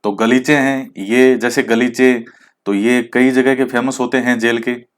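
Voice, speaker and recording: A man's voice: medium pitch, flat delivery, measured pace. Man teaching a lesson, asking and answering. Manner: explains, then quizzes with questions he answers himself; mixes English words into Hindi. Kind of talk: exam-prep lecture.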